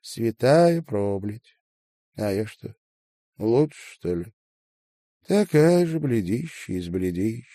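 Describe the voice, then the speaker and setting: A man reading aloud voices a furious, bitter young woman in a heated, shouting manner. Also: on the low side, sing-song, slow, long pauses, dry recording, clean studio sound.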